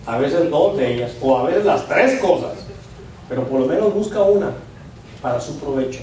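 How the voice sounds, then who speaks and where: High-voiced preacher in an echoey hall. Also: male voice, darkish tone, slight background noise. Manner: preaching with pauses, dropping his voice at line ends. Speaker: pastor. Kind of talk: sermon. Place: church hall. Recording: very echoey church hall from far off.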